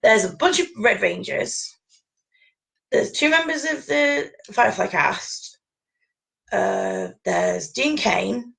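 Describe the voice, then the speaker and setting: A woman co-hosting a casual chat, rambling and chatty with frequent laughs and a gravelly voice. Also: fairly high pitch, sing-song, takes it slowly, a bit bright. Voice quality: gravelly, creaky voice. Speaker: podcast co-host. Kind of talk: casual chat about fan conventions.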